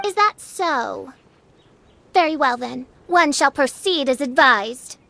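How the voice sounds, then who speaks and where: High-voiced, pompous young princess. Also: female voice, animated, takes it slowly, gravelly, pushed and bright, a little hiss or hum, heavily acted. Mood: regal, condescending. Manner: pompous, archaic royal speech. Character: grandiose, theatrical self-styled teenage princess of doom. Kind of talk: video game cutscene acting.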